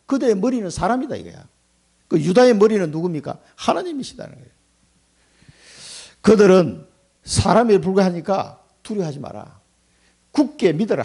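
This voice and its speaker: Animated, gravelly-voiced male pastor preaching. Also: high-pitched. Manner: animated preaching, acting out quoted speech, asking the congregation questions. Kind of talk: Sunday sermon.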